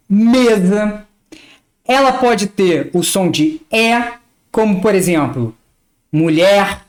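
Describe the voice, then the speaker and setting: A woman with a Rio de Janeiro accent teaching pronunciation, saying letters and example words one at a time with small laughs. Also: mid-range voice. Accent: Rio de Janeiro Portuguese. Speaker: language teacher. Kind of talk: slow, careful pronunciation lesson.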